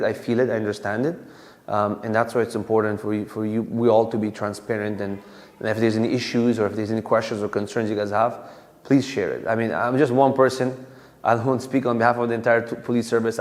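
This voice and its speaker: Speaking with a mid-range voice and darkish tone, an Afghan policeman in his thirties delivers a loose, conversational community talk full of fillers and restarts. The community hall setting leaves a long reverb on the sound.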